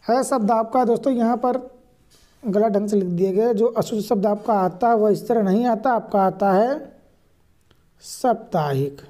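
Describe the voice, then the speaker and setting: A woman with a warm, medium-pitched voice speaks at a normal speed while teaching exam spellings. She explains each word patiently, repeats the right answers, and talks directly to viewers in a repetitive, explanatory manner.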